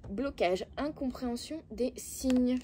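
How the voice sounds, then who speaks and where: Speaking slowly in a high voice over background noise, a woman with a Belgian French accent does a casual oracle card reading. She addresses her viewers directly, coaxing yet blunt in her advice, and hesitates often.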